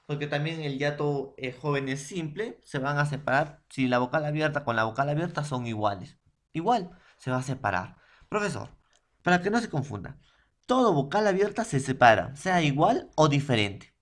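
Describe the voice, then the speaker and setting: His voice is a little high and expressive as he, a Peruvian secondary school teacher, works through a language lesson. He sounds words out slowly by syllable, frequently asks "¿ya?" and "¿no?" to confirm students follow, and supplies answers to his own questions.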